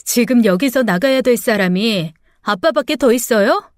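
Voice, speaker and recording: A woman voicing a grown daughter who is bitter and defiant toward her father, with sharp, accusing, tearful protests. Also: fairly high pitch, animated, moderate pace, no room sound, studio quality, close to an everyday voice. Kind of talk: radio drama acting.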